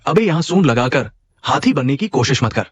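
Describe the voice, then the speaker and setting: A man's voice: medium pitch, very animated, a little fast, slightly rough, no echo. A man voicing a swaggering, boastful village bully who taunts his rival in a dubbed drama. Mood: gloating.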